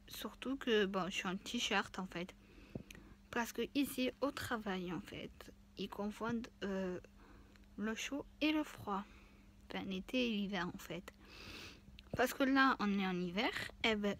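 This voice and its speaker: A woman in her twenties with the flu and a stuffy nose chats casually in a vlog, rambling and using lots of fillers. Her mid-range voice is a bit bright, with slight background noise behind it.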